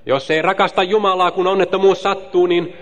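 A man interpreting a sermon phrase by phrase, in a steady relay with occasional slips and restarts. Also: high voice.

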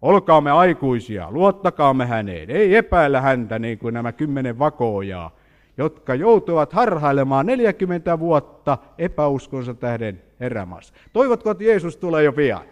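Lively preacher in reverberant hall. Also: male voice, on the high side. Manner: animated storytelling with questions to the congregation. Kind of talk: sermon.

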